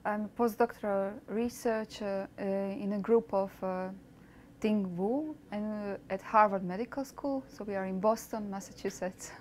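Croatian woman in her thirties, researcher explaining her work, mid-pitched, hesitant but thoughtful, small office with light background ambience. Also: fairly even intonation, a little mellow, a little hiss or hum. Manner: thoughtful, measured, with frequent hesitations. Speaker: postdoctoral researcher. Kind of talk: documentary interview. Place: small lab office, indoors. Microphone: lapel mic.

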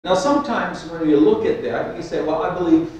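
An older pastor gives a sermon in an echoey church hall featuring a stage and keyboard, storytelling with animated hand gestures and restarting often. His fairly high-pitched voice runs a little fast and sits far from the mic, as he strays off the lectern stand mic, recorded by a distant camera.

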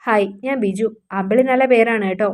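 A woman voicing a harsh, scornful husband who shouts insults at his wife. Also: a little high, moderate pace, lightly acted. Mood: flirting smoothly. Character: harsh scornful husband, middle-aged man.

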